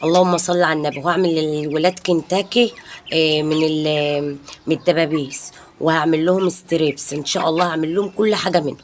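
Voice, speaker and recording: An Egyptian-accented woman in her thirties talks quickly in a casual home vlog, with a slightly low voice. She rambles warmly from one thing to the next and sprinkles her chat with religious blessings. Faint noise sits under her voice. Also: fairly even intonation. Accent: Egyptian Arabic. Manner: chatty and rambling, peppered with pious blessings. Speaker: home vlogger and mother. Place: home balcony.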